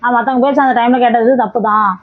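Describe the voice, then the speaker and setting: மிக வேகமாகப் பேசும், உயர்ந்த குரலுள்ள ஒரு பெண். அவள் வாக்குவாதத்தில் சுருக்கமாகவும் தற்காப்பாகவும் பதில் சொல்கிறாள். ஒலி தொலைபேசியில் வருவது போல மெலிதாகக் கேட்கிறது. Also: female voice, on the high side, steady tone, fast. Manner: defensive, curt, dismissive. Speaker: vlogger in a staged argument. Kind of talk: heated confrontation. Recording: tinny phone-like sound.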